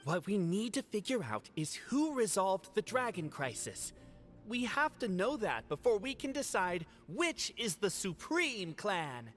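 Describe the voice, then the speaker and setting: A man's voice: high voice, very animated, measured pace, a bit bright, faint music behind, pitched above the performer's own voice, full character voice. A man voicing an earnest, scholarly male clan leader who explains things carefully.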